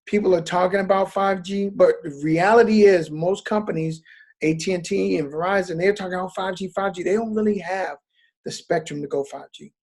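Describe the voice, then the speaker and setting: A man in his fifties giving a casual, rambling presentation on a video call, telling stories with many fillers and lively quoted dialogue. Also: high voice, a little fast. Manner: chatty storyteller, many fillers, animated when quoting. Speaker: network marketing presenter.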